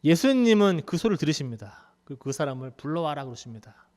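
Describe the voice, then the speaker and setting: 한 남자 목사가 교회에서 이야기하듯 편하게 설교하며, 중간중간 웃음을 섞어 성경 이야기를 생생하게 풀어냅니다. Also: male voice, a little high, a little fast, in a large hall. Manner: conversational, animated storytelling with laughs. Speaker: pastor. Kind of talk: sermon. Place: church sanctuary.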